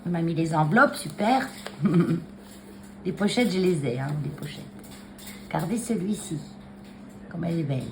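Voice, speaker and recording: Woman, lowish voice, casual vlogger at her desk on a phone stand, halting and filler-heavy, faint background noise. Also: lively intonation. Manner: chatty, hesitant, many fillers and restarts. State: clearing a frog in her throat. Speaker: craft vlogger showing cards. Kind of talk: casual chat to camera. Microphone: phone camera on a taped stand.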